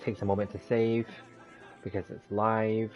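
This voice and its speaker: Hosting a gameplay livestream, a man chats casually in a fairly low, flat voice at a slightly slow pace, rambling through each step and narrating himself. He has a slight lisp, as if he'd just bitten his tongue, and the sound is dull and lo-fi with background music.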